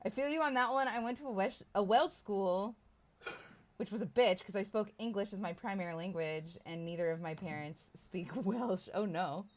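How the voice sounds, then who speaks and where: A mid-range voice at a normal speed, with slight background noise, belongs to a woman in her thirties from Iowa, United States. She casually chats with livestream viewers, rambling, putting herself down, and frequently swearing and laughing.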